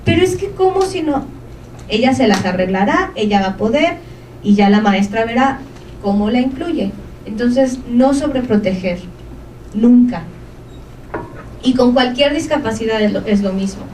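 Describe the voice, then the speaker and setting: A woman's voice: fairly high pitch, animated, normal speed, pauses often, a little mellow, slight background noise. A woman gives an informative talk to a live audience and keeps checking in with short questions. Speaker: presenter of an information session. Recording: echoey room from a distance, faint ambience.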